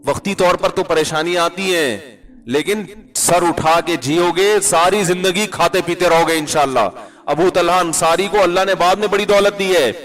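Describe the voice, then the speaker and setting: Male preacher, slightly high voice, chatty sermon delivery with dry humour and rhetorical questions. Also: fairly bright tone. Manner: quotes Arabic verses in a chanting tone. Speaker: Islamic scholar giving a lecture. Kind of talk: conversational religious sermon.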